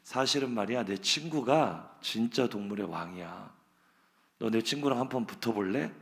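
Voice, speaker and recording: A man's voice: fairly low pitch, lively intonation, normal speed, gravelly, fairly bright tone. A man voicing a clever, cheeky little rabbit who taunts and boasts in a told joke. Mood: taunting. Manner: brash, taunting.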